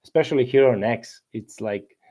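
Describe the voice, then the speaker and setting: A man hosting a live audio chat in a mellow, relaxed voice of middling pitch. He is chatty and laughs easily between remarks. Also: normal speed, lo-fi sound. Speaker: host. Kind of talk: casual chat.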